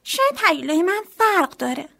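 A woman's voice: very high voice, sing-song, creaky, a bit bright, pitched above the performer's own voice, exaggerated voice. A woman voicing a determined, bold little girl in a storybook reading. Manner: spirited and bold.

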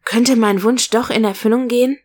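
A lonely young woman who has lost touch with her brother speaks in a soft, quiet, subdued voice, as a woman reading a story puts her on. Her lines are low-key and fragile, close to the storyteller's own voice. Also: fairly even intonation, normal speed, lightly acted. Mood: anxious, unsure.

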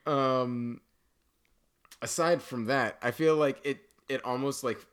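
A man's voice: mid-range voice, steady tone, slow, clear, resonant tone. A man co-hosting and producing a podcast, chatting casually about a movie in a teasing, rambling way with lots of fillers. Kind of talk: casual movie-review chat. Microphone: podcast microphone.

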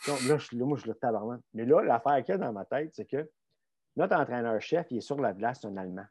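A man with a Québécois French accent telling a story casually as a guest, animated and full of filler words. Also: mid-range voice, quick pace, breathy edge, dry recording. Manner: animated, fills talk with "là" and mild swearing.

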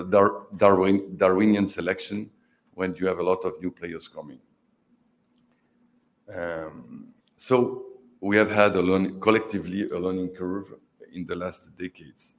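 A middle-aged man, a non-native English speaker, giving a halting, analytical panel talk as a fund manager in the manner of an investment banker, heavy with finance jargon. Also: deep voice, creaky. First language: not English.

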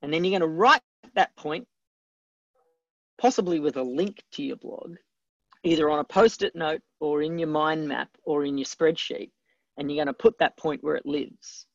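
A man hosts a live teaching webcast, talking emphatically and answering viewers as he goes. His voice has a gravelly edge. The sound is dry and a little dull, with no room around it. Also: fairly high pitch, normal speed, dry recording. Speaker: webcast host and book coach.

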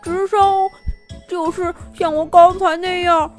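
A woman voicing a small, excitable fly who talks in urgent, bossy bursts in a children's story. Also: very high voice, unhurried, soft background music, voice pushed up, heavily acted. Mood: impatient.

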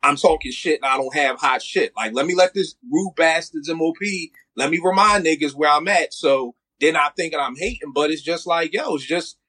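A man's voice: a little high, normal speed, few pauses, bright, forceful tone. A man in his forties from Philadelphia, talking bluntly and with plenty of swearing in a casual podcast chat about music. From Philadelphia, USA. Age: 40s. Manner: blunt, profane and emphatic. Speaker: podcast co-host.

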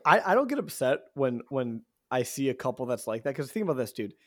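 A young man co-hosting a casual podcast, talking fast and excitedly and saying dude a lot. His voice sits in an ordinary middle range. The sound is close and dry. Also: medium pitch, no room sound. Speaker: podcast co-host. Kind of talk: casual chat.

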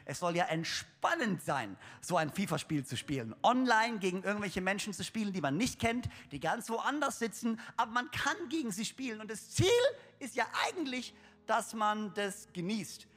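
Speaking at a normal speed, this young male pastor sounds animated, with a voice that sits high and a fairly bright tone. He delivers a funny, chatty sermon to his flock, full of jokes, fillers and false starts. Long reverb from the church hall fills the recording.

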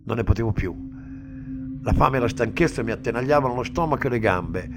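A man reading a dark story aloud in a slow, somber dramatic manner. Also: medium pitch, noisy background. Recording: music bed under the reading. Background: music underneath.

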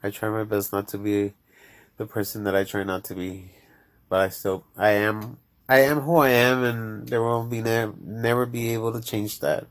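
A Mexican-accented man hosts a podcast, rambling in casual conversation and talking directly to his audience. He has a lowish voice with fairly even intonation and a moderate pace.

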